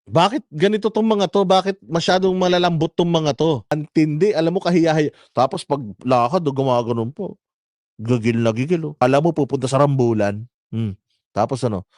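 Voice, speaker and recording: Guy vlogger ranting, mocking and sarcastic, high voice, dry close sound. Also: normal speed, a little mellow, no echo. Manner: mocking, sarcastic, swears often. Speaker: vlogger host. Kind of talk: political commentary rant.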